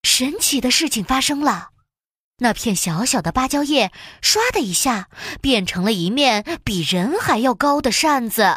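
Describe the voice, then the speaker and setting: A woman narrating a children's storybook in an expressive, sing-song storytelling way. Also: on the high side, moderate pace, breathy edge, dry recording, clean studio sound.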